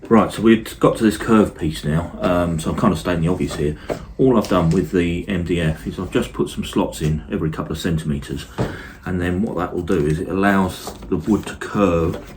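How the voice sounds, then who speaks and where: A man casually talking through his model railway build, relaxed and rambling with lots of fillers, recorded indoors at a table. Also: low voice, moderate pace, noisy background. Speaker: model railway hobbyist host. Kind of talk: casual workshop vlog. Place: indoors at a dining room table layout.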